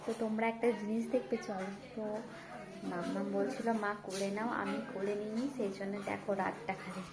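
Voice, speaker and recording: A woman's voice: mid-range voice, level tone, brisk, creaky, roomy sound, heavy background noise. A young woman, a mother and home vlogger, chatting casually to viewers about her daily routine at home. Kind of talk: casual vlog narration. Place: home kitchen, indoors.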